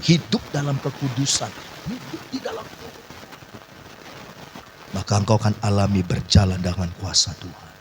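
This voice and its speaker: With a lowish voice over a faint hiss or hum, a pastor preaches at a church service. His delivery swings between hushed asides and shouted peaks, he drops in English phrases, and he keeps pressing the congregation for agreement.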